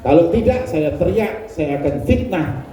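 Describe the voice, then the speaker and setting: A man's voice: a little high, lively intonation, normal speed, warm tone, a little hiss or hum, close to an everyday voice. A man voicing a scheming woman who coaxes and then threatens, within a sermon story. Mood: threatening. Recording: echoey mosque from far off.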